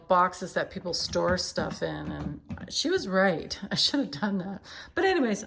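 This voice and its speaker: A woman's voice: mid-range voice, fairly bright tone. A woman chatting casually and affectionately to her cats, drifting between cooing pet talk and rambling asides. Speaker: pet vlogger. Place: indoors at home. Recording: noticeable background noise, home video.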